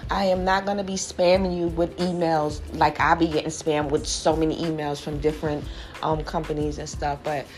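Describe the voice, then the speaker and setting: A woman in her forties, a vlogger and small business owner, chats casually to camera, rambling a bit and using plenty of fillers, with music playing behind her. Her voice is low-pitched and a little mellow, with a level tone at normal speed.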